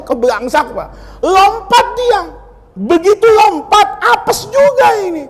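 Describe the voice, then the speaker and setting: A man giving a humorous sermon in a mosque, joking and acting out the stories he tells. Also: very high-pitched. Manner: joking, storytelling, acts out quotes. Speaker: preacher. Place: large mosque hall. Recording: reverberant hall.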